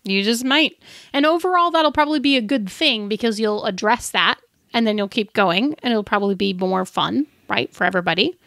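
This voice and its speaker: A woman co-hosts a podcast, casually chatting and explaining tabletop game advice in a conversational way. Her mid-range voice is brisk, creaky and a bit bright. The recording is dry, with clean studio sound.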